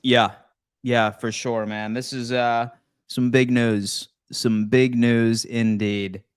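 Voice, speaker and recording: A man hosts a live call-in stream with an excited, slangy delivery. His voice is smooth and resonant, recorded close and dry, with no room sound. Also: mid-range voice, slow pace, no room sound. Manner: hyped, slangy, keeps saying "man". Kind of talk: casual call-in chat.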